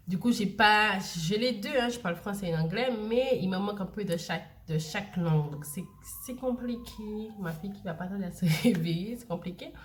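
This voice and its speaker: A young woman, chatting casually to camera and repeating herself with many fillers. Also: on the low side. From Saint Lucia. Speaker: vlogger.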